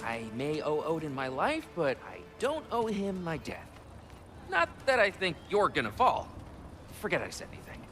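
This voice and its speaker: A fairly high-pitched man speaks at a moderate pace as an excitable, gossipy male refugee in a video game scene with music underneath. His character keeps flipping between excitement and uncertainty.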